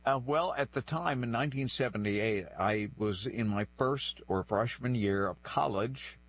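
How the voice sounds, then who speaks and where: A native French speaker in his sixties from New Bedford, in the northeastern United States, reflectively shares personal stories as a guest in a conversational interview. His voice sits at medium pitch and moves a little slowly.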